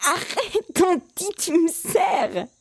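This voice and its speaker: A woman voicing an eager, impatient young boy in a high, excited child's voice. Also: normal speed.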